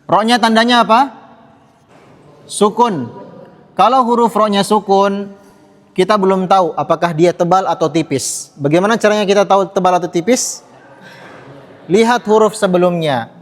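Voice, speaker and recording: A man's voice: high-pitched, moderate pace, long pauses. A male Quran teacher, patiently explaining tajwid rules to a class and repeating the sounds for them to echo. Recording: long reverb in a hall.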